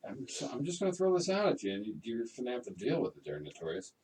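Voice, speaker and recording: A man hosts a comedy talk podcast, rambling and joking, his pitch swinging widely as he talks. He sounds a bit away from the mic, with the room around him. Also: huge pitch swings, fast, a little mellow, distant mic, low-quality recording. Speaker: podcast host. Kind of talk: casual comedy chat.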